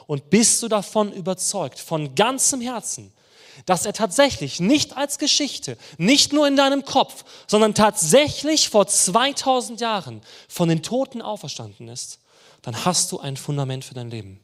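A man preaching in a high voice. His pitch swings widely, rising and falling as he makes each point. He talks with the congregation in a conversational way and keeps putting rhetorical questions to them. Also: very animated, moderate pace. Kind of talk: sermon.

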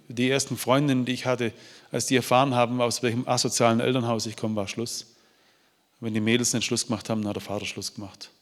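Heartfelt male preacher in a reverberant hall. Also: mid-range voice. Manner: heartfelt, pleading, with frequent restarts and stammered repeats. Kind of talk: emotional testimony and preaching.

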